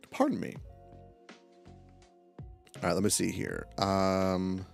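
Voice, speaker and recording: A man's voice: deep voice, slow, creaky, faint music behind. A man streaming, reading role-playing stories aloud and breaking off into sweary rants, tripping over and correcting his reading. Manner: animated, swears, goes off on rants and tangents; stumbles and corrects himself while reading.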